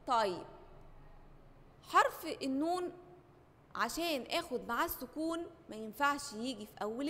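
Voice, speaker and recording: A woman's voice: sits high, a bit bright, in a large hall. A woman with an Egyptian accent teaching a primary school lesson, asking questions and answering them herself in a call-and-response way. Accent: Egyptian Arabic. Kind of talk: children's classroom lesson.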